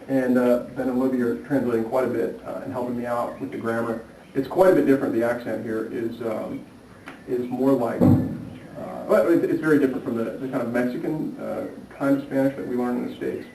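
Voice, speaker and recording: Casting: man, vlog host, mellow tone, hesitant chatty delivery, recorded from afar in an echoey room. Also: medium pitch, fairly quick. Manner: hesitant, many fillers and restarts. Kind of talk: casual travel vlog chat. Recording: echoey room, distant mic, faint noise.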